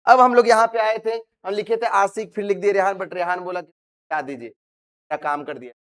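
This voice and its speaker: A man's voice: high-pitched, moderate pace, fairly bright tone, smooth. A man teaching science to a live class, repeating questions and having students recite the terms after him. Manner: calls students "babu", teasing and scolding them. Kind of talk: classroom lecture.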